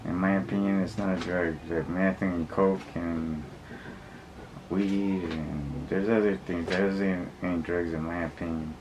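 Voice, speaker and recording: A man's voice: sits low, steady tone, highs cut off. A man talking casually to viewers, giving opinions in blunt, slangy street talk, rambling and repeating himself as he backtracks. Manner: rambling, repetitive, halting, often backtracking. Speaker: vlogger. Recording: clearly noisy recording with background ambience.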